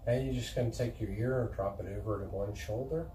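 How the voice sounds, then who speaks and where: In a roomy, echoing space, a man with a lowish voice gives calm stretching instructions. He coaches gently and without hurry. The mic sits at a distance, with clear noise behind him. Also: fairly quick. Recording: echoey room, distant mic, noisy background.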